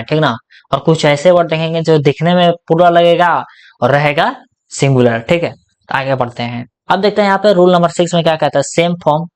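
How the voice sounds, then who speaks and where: Male grammar tutor, Hindi accent, slightly high voice, casual and explanatory, asks and answers his own questions. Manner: asks questions and answers them himself, repeats "ठीक ना?" often. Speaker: English grammar teacher.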